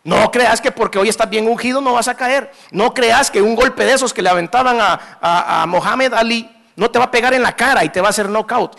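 A man's voice: high-pitched, creaky. A man with a Salvadoran accent preaching a sermon, telling a story with humor and acting out the scenes. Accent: Salvadoran Spanish. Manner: animated, acts out scenes, mixes humor into preaching.

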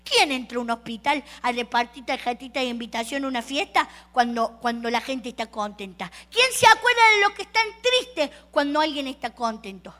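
A woman telling a story to children in an expressive, soft-spoken way, with long pauses. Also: high-pitched.

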